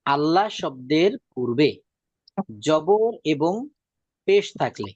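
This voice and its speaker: A man with a slightly raised voice teaches a Quran reading lesson. He repeats each rule patiently and stretches the example words out slowly. The recording is dry and a little dull. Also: a little high, expressive, a little mellow, no echo. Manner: drawn-out slow demonstration of words.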